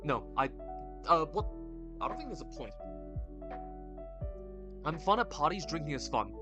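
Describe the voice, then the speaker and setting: A man's voice: fairly high pitch, big pitch swings, a little slow, music in the background. A young man live-streaming, casually reading chat aloud and bantering back in a slangy, laid-back way on a desk mic. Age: young adult.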